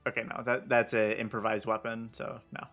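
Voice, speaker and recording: A man's voice: fairly low pitch, brisk, soft background music. A man running a tabletop role-playing game as game master, calling dice results and rules with frequent ums. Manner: steady rules talk with frequent fillers.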